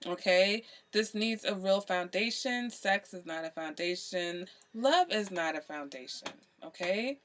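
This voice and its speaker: A woman's voice: mid-range voice, lively intonation, a little slow, hardly any pauses, a bit bright. Earnest woman giving tarot advice. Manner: earnest, emphatic advice with frequent "okay?" check-ins; repeats phrases for emphasis, many "you know" fillers. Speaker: tarot reader. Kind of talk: direct-to-camera tarot reading.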